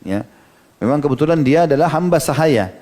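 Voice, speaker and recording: A man's voice: fairly high pitch, expressive, fairly quick, darkish tone. A middle-aged man giving an Islamic sermon, telling stories from hadith with frequent "ya" asides. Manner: storytelling lecture, quoting hadith, frequent "ya" asides. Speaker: Islamic preacher.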